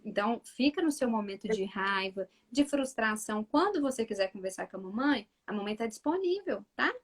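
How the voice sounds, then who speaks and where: A woman's voice: a little high, moderate pace. A woman from Brazil with a Minas Gerais accent, a mother talking on a live video call, acting out how she talks to her son. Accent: Minas Gerais Portuguese. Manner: animated, acts out talks with her son in a softer voice; frequent restarts and filler asides to viewers. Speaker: mother and guest on a live stream. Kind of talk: casual live-stream chat.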